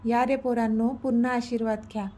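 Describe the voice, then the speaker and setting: A woman's voice: a little high, level tone, fairly quick, warm tone, faint music behind, lightly acted. A woman voicing a mischievous old grandmother who teases her grandchildren in a read-aloud story. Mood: sly. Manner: sly, teasing.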